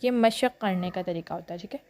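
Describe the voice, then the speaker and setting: A woman with a Pakistani Urdu accent teaching Quran reading, reciting letters one by one in a patient, drawn-out way and checking in often. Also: on the low side, darkish tone. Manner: patient, drawn-out letter names, frequent "theek hai" check-ins. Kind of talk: slow classroom lesson reciting letters.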